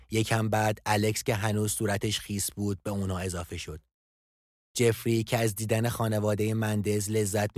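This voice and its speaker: A man narrating a scripted audio drama in a calm storytelling delivery. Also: fairly low pitch, no room sound. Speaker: narrator and writer of a podcast drama. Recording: dry studio voice with soft music.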